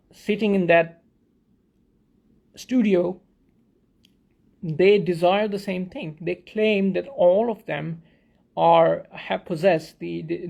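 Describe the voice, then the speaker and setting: A man's voice: sits high, creaky, a little mellow. A man from Pakistan explaining a theory in a thoughtful talk, often restarting and repeating words as he searches for phrasing. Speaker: video essayist.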